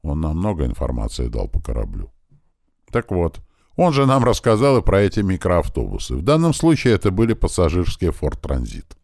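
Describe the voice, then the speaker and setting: A man narrating a first-person audiobook in a lively, conversational storytelling manner. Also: deep voice, moderate pace, gravelly, no room sound, studio quality.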